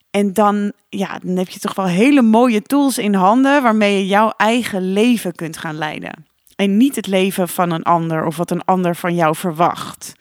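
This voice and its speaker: A woman hosting a solo podcast as a coach, talking in a calm, reflective and encouraging way with the odd filler sound. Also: mid-range voice, dry recording, studio quality.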